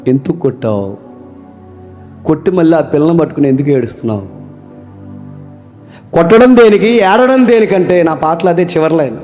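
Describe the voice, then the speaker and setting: Warm-voiced pastor. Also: male voice, expressive, fast, soft background music. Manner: rhetorical questions, calls on listeners to answer; swings between loud emphatic and quiet low lines. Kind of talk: sermon.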